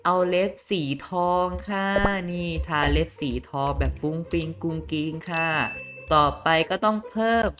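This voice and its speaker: A man voicing a vain, boastful young woman beauty queen in a comedic game role-play, with a shrill, dramatic, squealing manner. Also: normal speed, lightly acted. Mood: preening. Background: game music.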